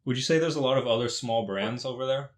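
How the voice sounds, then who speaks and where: A man's voice: mid-range voice, quick pace. A man hosting a casual interview, asking easygoing questions with short affirmations in between. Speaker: interview host.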